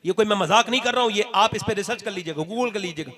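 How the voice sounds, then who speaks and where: A man's voice: sits high, fast talker. A man preaching an Islamic sermon, telling stories with passion, calling on the audience to respond. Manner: impassioned, shouting to a crowd at climaxes; drops to soft, hushed storytelling.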